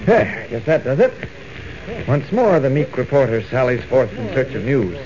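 An actor playing a polite, meek young reporter doing detective work in a 1940s radio serial, often thinking aloud. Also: male voice, mid-range voice, sing-song, moderate pace, lightly acted. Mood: musing. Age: young adult. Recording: muffled, noisy old radio recording.

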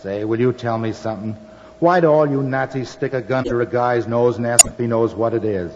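A man's voice: medium pitch, brisk, a little hiss or hum, lightly acted. A man playing a defiant, plain-spoken American merchant seaman in a 1940s radio drama style, with a stubborn streetwise manner. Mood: stubborn, wisecracking. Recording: muffled old radio recording with hall reverb.

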